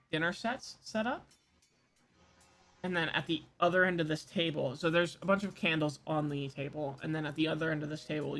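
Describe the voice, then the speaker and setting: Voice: medium pitch, fairly bright tone. A game master describing scenes for a tabletop roleplaying game in an informal, conversational way.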